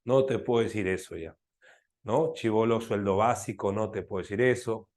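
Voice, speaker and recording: A man with a Peruvian Spanish accent teaches a live language class in a fairly low, darkish voice at normal speed. He teases his students and often asks them to confirm they're following along.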